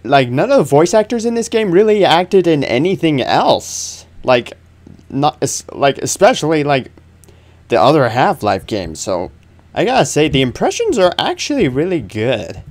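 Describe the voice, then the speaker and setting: A man in his twenties giving casual, halting, wry gaming commentary into a close desk microphone. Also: a little high, sing-song, a little mellow. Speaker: gaming video host. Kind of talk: casual let's play commentary. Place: small room indoors. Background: video game ambience.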